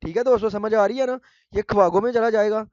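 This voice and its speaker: A man teaching a language lesson to viewers, calling them friends and repeating words slowly. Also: high voice, darkish tone, dry recording, muffled recording.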